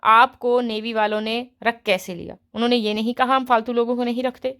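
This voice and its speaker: A woman's voice: a little high, fairly even intonation, a bit bright. A cheeky young woman doctor, as a woman narrator voices her. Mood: teasing. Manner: teasing, cheeky. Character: lively, sharp-tongued young woman doctor.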